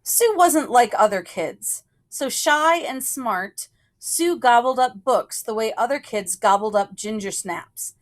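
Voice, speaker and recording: Reading a picture book aloud to children, a woman with a slightly high voice speaks very slowly in an animated, measured storytelling style, separating her phrases with deliberate pauses.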